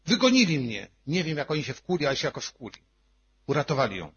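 A male pastor telling a personal testimony in a sermon, emotional, swinging between hushed and loud. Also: medium pitch, lively intonation, quick pace, slightly rough, highs cut off.

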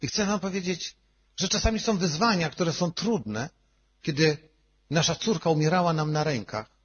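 Husky-voiced pastor, emotional testimony. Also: male voice, a little high, normal speed, dull audio. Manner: emotional storytelling, swinging from hushed to loud. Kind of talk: sermon testimony.

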